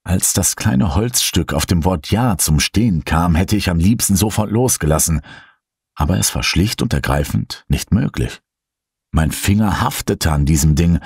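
Deep husky man narrating horror. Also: darkish tone, no room sound, studio quality. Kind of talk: scripted horror audiobook narration.

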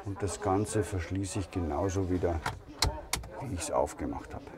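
Male vlogger, low voice, unhurried room-tour delivery, busy fair crowd behind. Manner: slow, thinking aloud with fillers and pauses. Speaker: camper van reviewer. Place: camper van at a busy trade fair hall. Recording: crowd noise of a trade fair. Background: crowd chatter of a fair.

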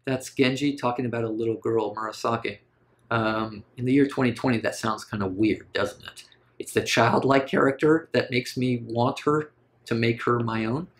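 Man teaching a literature class, medium pitch, lively and questioning. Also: moderate pace. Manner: lively, rhetorical questions, emphatic rises. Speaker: lecturer. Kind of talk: recorded literature lecture.

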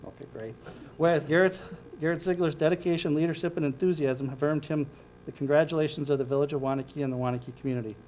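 A man's voice: fairly high pitch, fairly even intonation, fast talker, darkish tone, slight background noise, rough recording. A middle-aged man leading a village board meeting, reading formal proclamations at a podium and correcting small slips as he goes. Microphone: podium microphone.

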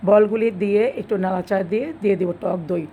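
A woman, slightly hoarse from a cold, talking homely and chatty through a cooking tutorial voice-over, restarting her phrases often. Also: mid-range voice, fairly even intonation, fast, narrow, tinny audio, slight background noise. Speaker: cooking channel host.

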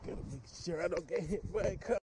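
A fishing vlogger films himself by a lake, chatting casually, relaxed and joking, laughing often. He has a high voice and speaks quickly. His head-mounted action camera picks up outdoor noise.

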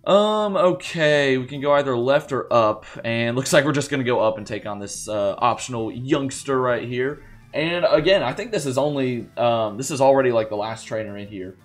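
A man's voice: mid-range voice, expressive, normal speed. A young man hosting a gaming channel, chatting loosely through a let's play in a groggy morning voice, rambling with lots of fillers and restarts. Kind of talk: casual let's play commentary. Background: faint game music.

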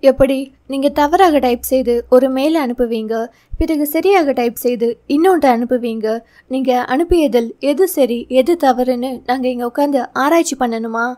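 A woman's voice: high voice, moderate pace, warm tone, close to an everyday voice. A woman reading the part of a stern, impatient male boss who scolds sarcastically, in a storybook reading. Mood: irritated scolding.

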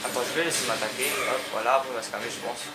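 A young man casually commenting on his gameplay, excitable and talking back to the characters on screen, often repeating himself. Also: mid-range voice, rapid-fire, loud music behind the voice. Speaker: let's play gamer.

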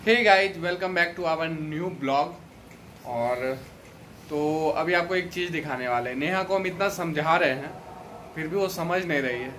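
A man's voice: on the high side, unhurried, fairly bright tone, a little hiss or hum. A man, chatting casually in a family vlog, teasing and pleading playfully. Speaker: vlogger.

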